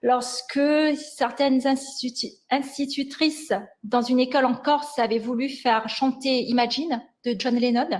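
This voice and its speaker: Conférencière à la voix assez aiguë. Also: female voice, sits high, little pitch movement, measured pace. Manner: hesitant, often restarting and self-correcting. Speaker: lecturer in language sciences. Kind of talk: conference lecture with slides.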